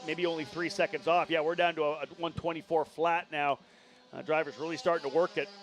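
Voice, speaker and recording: Higher-voiced male motorsport commentator calling a race. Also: a bit bright, slight background noise. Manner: running play-by-play, listing drivers and positions. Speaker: motorsport commentator, lead play-by-play.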